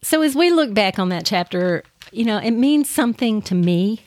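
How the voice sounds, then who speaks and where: A woman co-hosting a podcast, talking gently and enthusiastically about teaching children, with frequent restarts. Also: medium pitch, animated, moderate pace, no room sound. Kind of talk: casual podcast conversation.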